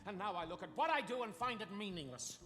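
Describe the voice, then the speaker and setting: A tired executive husband who speaks slowly and sardonically. His tone is bright and carries into a hall with long reverb and faint music. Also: expressive. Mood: bitter. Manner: low, measured, sardonic. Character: weary middle-aged executive husband, cool and bitter. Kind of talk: stage musical acting. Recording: theater stage with long reverb.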